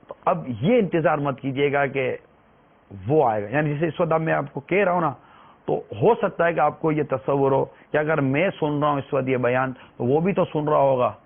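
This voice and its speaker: A man giving a religious talk, pleading earnestly and repeating his phrases. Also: medium pitch. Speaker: preacher. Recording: tinny phone-like sound.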